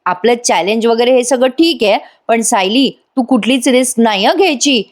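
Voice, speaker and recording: A woman's voice: a little high, moderate pace, pitched above the performer's own voice, lightly acted. A woman reading the lines of a protective young husband, firm and fussing.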